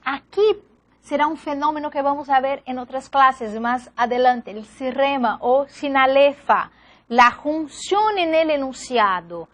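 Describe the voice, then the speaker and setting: High-voiced woman teaching slowly. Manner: patient, checks in with repeated reassurances. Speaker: language teacher. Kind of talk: classroom lecture.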